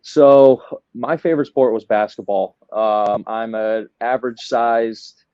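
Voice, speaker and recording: Guesting on a podcast, a young Midwestern man from near Chicago chats in a casual, self-deprecating interview. He speaks slowly and smoothly in a steady, mid-range voice. The audio has no echo but is missing the high frequencies.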